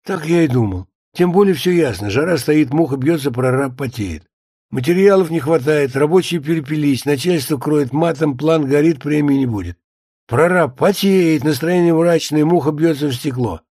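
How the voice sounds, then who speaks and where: A man's voice: a little high, normal speed, a little mellow, husky, dry recording, studio quality. A man doing a sardonic, mocking writer friend. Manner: sardonic, lecturing. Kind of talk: audiobook character voice.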